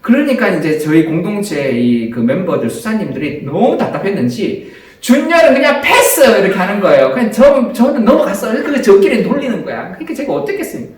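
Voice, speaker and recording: A male priest preaches in a lively, storytelling way, his pitch rising and falling as he poses questions to the congregation. The sound is very echoey, as if from a big church. He is picked up from some way off the mic. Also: fast, far from the mic. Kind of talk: sermon.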